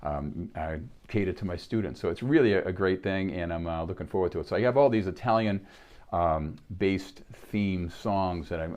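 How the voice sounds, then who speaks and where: Deep-voiced Boston man chatting between tunes. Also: darkish tone. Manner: rambling, many fillers and restarts. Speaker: jazz pianist and piano teacher hosting a live stream. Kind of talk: casual chat between tunes.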